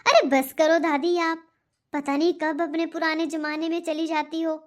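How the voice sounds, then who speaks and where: A woman's voice: extremely high pitch, level tone, moderate pace. A woman voicing a stubborn, dismissive teenage girl in a cartoon. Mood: irritated. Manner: irritated, dismissive. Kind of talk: cartoon voice acting.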